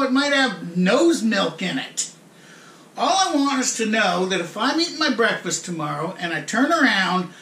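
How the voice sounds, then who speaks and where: A man's voice: high voice, bright, forceful tone, full character voice. A man in his fifties performing an intense, theatrical audition monologue as an exasperated, indignant frat bro, comically overplayed. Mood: affronted. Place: home kitchen. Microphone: camera a few feet away. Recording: echoey room, distant microphone.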